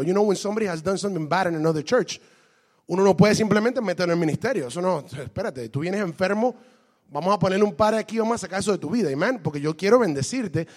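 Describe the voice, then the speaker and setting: A man preaching a sermon, lively, switching between Spanish and English and asking the congregation questions. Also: high voice, quick pace, in a large hall. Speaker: pastor.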